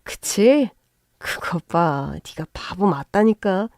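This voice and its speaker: A woman's voice: on the low side, lively intonation, slow, darkish tone, no echo, studio quality. A woman voicing a smug, spineless young husband who pleads and boasts.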